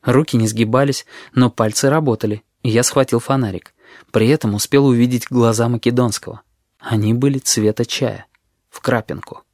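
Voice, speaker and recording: A man's voice: mid-range voice, fairly even intonation, moderate pace, a little mellow, no echo. Dry, close male audiobook narrator. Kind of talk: first-person audiobook narration.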